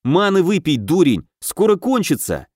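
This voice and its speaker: A man reading the part of a quick-tempered young raid leader, shouting commands at his team in a higher, louder voice. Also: sing-song, no room sound, studio quality. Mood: commanding urgent.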